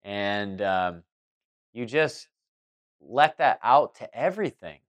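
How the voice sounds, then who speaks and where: A spiritual talk host speaks slowly and animatedly in a voice on the low side. His loose, rambling monologue keeps restarting and looping back, thick with fillers.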